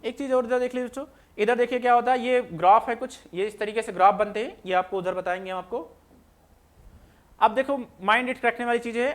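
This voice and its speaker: A man. He keeps asking the class questions and answering them himself, repeating each point in a patient, drawn-out way. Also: high-pitched. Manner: repetitive, asks students questions then answers them. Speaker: maths teacher. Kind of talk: classroom lecture explaining on screen.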